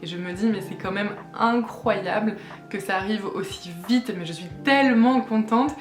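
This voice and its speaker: With faint music behind her and a roomy sound, a late-twenties French vlogger talks to camera at medium pitch and moderate pace. The chat is casual, peppered with hesitations and fillers.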